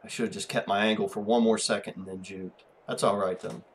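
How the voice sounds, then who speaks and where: A man giving live commentary over his own video game match, excitable and trash-talking, shouting at big plays. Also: fairly low pitch, fairly quick, a little hiss or hum. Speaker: gaming YouTuber.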